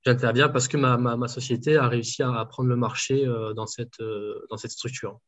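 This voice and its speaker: A man's voice: mid-range voice, steady tone, moderate pace, a bit bright. A man working as a home nutrition dietitian, answering interview questions casually with many fillers and restarts. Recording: dull lo-fi sound.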